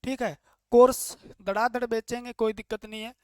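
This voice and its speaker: A man's voice: extremely high pitch, fairly even intonation, normal speed, clean tone, no echo, clean studio sound. Man drilling students with questions. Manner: asks questions and answers them himself, drilling key points; plain, chatty and jokey explaining. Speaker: teacher. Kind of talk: classroom lecture.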